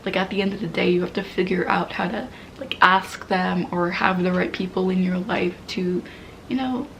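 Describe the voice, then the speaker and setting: A woman's voice: on the low side, fairly even intonation, moderate pace, gravelly, fairly bright tone, a little hiss or hum, rough recording. Young woman venting in a rambling monologue. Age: 20s. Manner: candid, rambling, drifts into half-whispers; swears casually, laughs at herself. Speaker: vlogger. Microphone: poor-quality mic.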